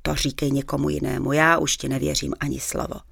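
A woman reading a stern, quietly emphatic husband. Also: very deep voice, flat delivery, creaky, breathy edge, dry recording, studio quality, heavily acted. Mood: stern reproach. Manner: speaks quietly, firmly and darkly.

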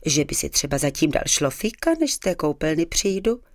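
A woman's voice: sits low, animated, no echo. A woman narrating a first-person audiobook in a dry, ironic storytelling manner.

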